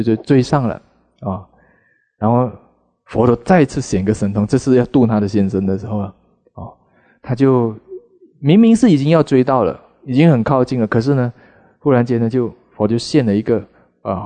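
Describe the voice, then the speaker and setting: A man, a Buddhist monk, giving a sermon in an animated storytelling manner with frequent filler particles. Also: mid-range voice, moderate pace.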